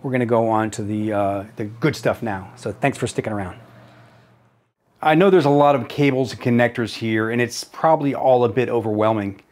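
A man in his fifties giving a casual product tutorial, haltingly thinking aloud as he demonstrates. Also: medium pitch, a little mellow. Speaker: tutorial presenter. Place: small home office room.

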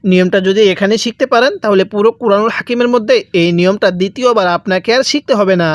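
A man teaching Quran reading, spelling syllables out slowly and asking then answering his own questions. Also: high-pitched, no echo, clean studio sound. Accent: Bangladeshi Bengali. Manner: drills letter by letter, asks and answers own questions. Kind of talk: slow spelled-out recitation lesson.

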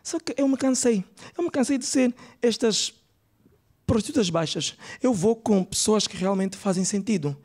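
This comedy club stand-up character bit has a man portraying a brash, gossipy Angolan woman, his voice pitched high at a moderate pace. With an Angolan Portuguese accent, the comedian tells the story in a chatty, animated way, matching the chatty mood.

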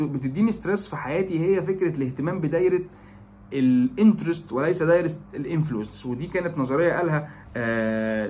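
Fast-talking Egyptian man explaining. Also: fairly high pitch, a little mellow. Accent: Egyptian Arabic. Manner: explains with lots of English terms and filler "aah". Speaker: presenter. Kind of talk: educational talk.

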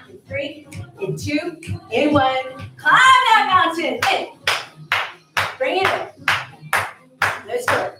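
High-pitched woman coaching a workout. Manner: upbeat, encouraging, punchy short commands. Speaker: group fitness instructor. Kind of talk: energetic workout coaching, calling counts and cues. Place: indoor fitness studio with wooden floor. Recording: distant echoey studio with music playing. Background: workout music.

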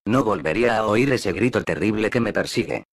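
A man's voice: on the low side, animated, fairly quick, gravelly, no echo, studio quality. A man reading a brooding wounded sea captain. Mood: bitter. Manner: gloomy, brooding delivery. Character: wounded, bitter male naval captain.

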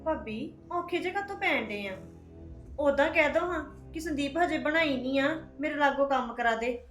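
A woman with a Punjabi accent acting in a family drama, talking quickly and emphatically. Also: high-pitched, lively intonation, fairly bright tone, faint music behind. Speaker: Sandeep, visiting sister-in-law.

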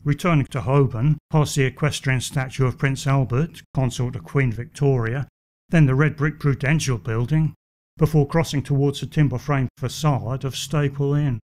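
A man giving scripted walking-tour narration, measured with a dry wit. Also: medium pitch, a little mellow.

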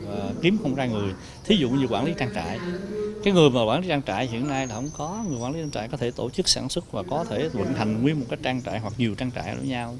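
Middle-aged official outdoors. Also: male voice, mid-range voice. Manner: plain-spoken, halting explanations with fillers. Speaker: agricultural zone official. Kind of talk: news interview. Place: outdoors in a park. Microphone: handheld reporter mic. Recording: outdoor insects and birds behind.

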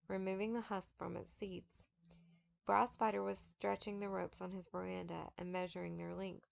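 A woman reading a memoir aloud in a steady, measured manner, with occasional slips. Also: mid-range voice, gravelly. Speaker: audiobook reader.

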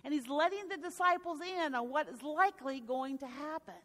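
A woman pastor delivers a storytelling sermon in a high voice. Her words ring out through a church with a long reverberation tail. She sometimes stops and restarts a phrase. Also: fairly quick, a bit bright. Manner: storytelling preaching with occasional restarts. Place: church sanctuary.

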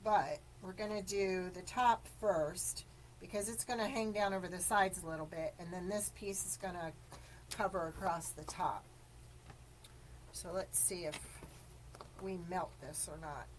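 Slow-talking woman demonstrating a craft. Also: fairly low pitch, a little hiss or hum, rough recording. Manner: chatty, step-by-step explaining, greets viewers. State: coughing after choking. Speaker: craft tutorial host. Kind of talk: live-streamed craft demonstration.

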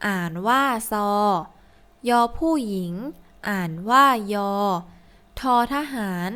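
Woman teacher, slow deliberate read-aloud for small children, very measured pace, clean smooth tone. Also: medium pitch, pushed and bright. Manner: slow, deliberate, word-by-word reading. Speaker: teacher reading a first-grade Thai textbook.

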